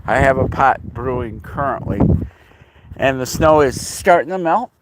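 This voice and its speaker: A man's voice: medium pitch, expressive, measured pace, noisy background. A man chatting casually on a livestream outdoors in the snow at his rural home, talking to viewers and his dogs. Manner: chatty, talks to his dogs in a raised playful voice. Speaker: livestreamer and dog owner.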